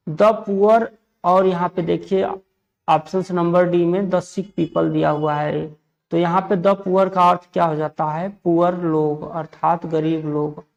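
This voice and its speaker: A man from India gives an exam-prep English grammar lesson, asking questions and answering them himself. He repeats set phrases and reads example sentences slowly. His voice is high with vocal fry, and the sound is lo-fi.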